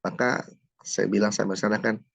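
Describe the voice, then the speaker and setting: This interview guest, a middle-aged certified trainer from Jakarta, Indonesia, shares his personal testimony as a story, playing out the dialogue and peppering it with "gitu kan" asides. His lowish, creaky, slightly bright voice holds a steady tone at normal speed in a dry recording.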